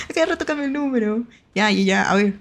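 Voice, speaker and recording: A young Mexican woman with a Mexican accent streams a horror game as a VTuber, her voice sitting a bit high. She chats playfully with viewers, giggling and jumping at scares. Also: expressive, brisk. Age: young adult.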